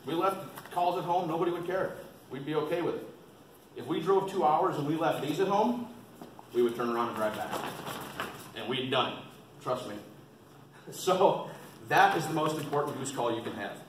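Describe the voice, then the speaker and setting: With a fairly high, expressive voice, a man leads an indoor museum seminar on hunting, drawing on his waterfowl experience. He moves at a moderate pace with many pauses, plain-spoken and folksy, and repeats key points. The distant mic adds room echo and faint noise.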